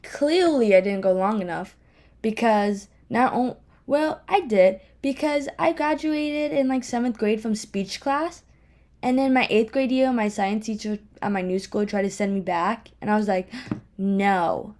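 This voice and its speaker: This young podcast host's voice is on the high side with a darkish tone, and her pace is measured. Alone in her home office, she rambles in a casual, candid, self-deprecating chat despite a speech impediment.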